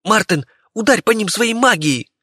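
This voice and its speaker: A man voicing a frantic, squeaky male talking rat in an audiobook. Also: lively intonation, moderate pace, pushed and bright, slightly rough, no room sound, clean studio sound, heavily acted. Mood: panicky. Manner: shrill and panicky.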